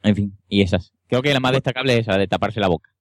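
A man co-hosting a casual podcast, recounting things his parents said in an animated way. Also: fairly low pitch, fast, dry recording, studio quality. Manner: animated storyteller, keeps asking ¿vale?. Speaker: podcast co-host. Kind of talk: casual chat.

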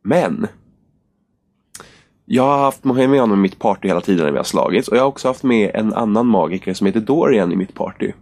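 A man's voice: on the low side, lively intonation, darkish tone, dry recording. A man in casual chat, telling a long gaming story animatedly and acting out the characters' lines.

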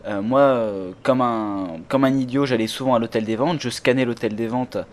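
A man's voice: medium pitch, moderate pace. A man hosting a casual gaming podcast, chatty, with many fillers and self-corrections. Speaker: podcast host.

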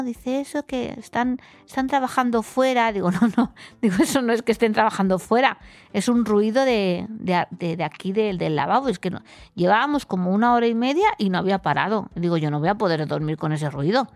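On her podcast, a Spanish woman chattily recounts a mix-up at a hotel, performing the conversation and laughing through it as casual travel storytelling. She speaks at a medium pitch, a little fast and a little mellow, with no echo.

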